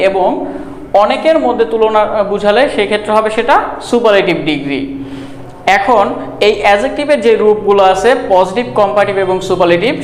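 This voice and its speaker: A man teaching a grammar lesson at a board, explaining step by step and slowly repeating words to count their syllables. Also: high voice, slight background noise. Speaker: English teacher. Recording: echoey room.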